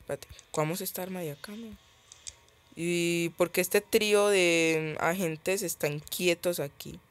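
A man's voice: sits high, a little slow, fairly bright tone. A man giving casual gameplay commentary as he plays a mobile game, chatty and thinking aloud, easily startled.

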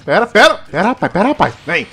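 A young man, commenting on a game in a high, lively voice. He jokes and shouts at the action, and his voice leaps around a lot. Faint game music plays behind him. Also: quick pace. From Brazil. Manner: excitable, joking, shouts at the game. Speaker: gaming YouTuber.

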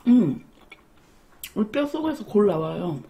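A woman's voice: medium pitch, very animated, unhurried, vocal fry, warm tone. A woman hosting an eating show, chatting casually to viewers with her mouth partly full. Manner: chatty, talking to viewers between bites. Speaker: mukbang host.

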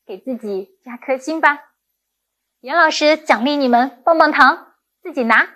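A woman's voice: sits high, measured pace, pushed and bright. A woman primary school teacher giving a recorded lesson to young children, speaking in a patient, encouraging way.

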